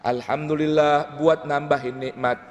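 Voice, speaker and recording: A man preaching a lively dawn sermon in a mosque, chanting Arabic phrases and joking the congregation. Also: a little high, measured pace. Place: mosque hall. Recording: echoey mosque hall.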